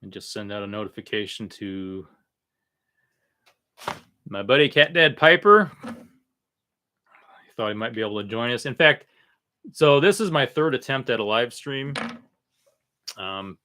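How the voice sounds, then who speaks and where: Guy doing a casual livestream, bright forceful voice, kinda halting and trailing off, medium pitch. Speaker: livestream host. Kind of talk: casual unscripted livestream chat.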